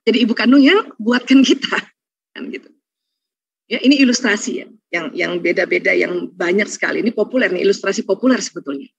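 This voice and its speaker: A woman giving a lively religious talk, acting out little scenes and laughing often. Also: medium pitch, a little fast, vocal fry, slightly rough, no echo. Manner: lively, acts out quoted voices, laughs often. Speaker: speaker at an Islamic study program. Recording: dull, dry lo-fi sound.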